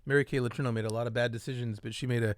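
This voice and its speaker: A man's voice: mid-range voice, steady tone, very fast, no echo. A man co-hosting a comedy podcast, telling rambling, crude stories with plenty of swearing. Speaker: podcast co-host. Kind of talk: casual comedy podcast chat.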